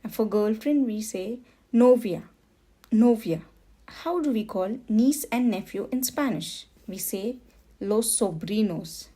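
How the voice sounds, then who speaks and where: A woman's voice: a little high, takes it slowly, warm tone. A woman teaching a beginner Spanish lesson, patiently saying each word twice for learners. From India. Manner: patient, repeats words for learners. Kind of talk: slow beginner language lesson.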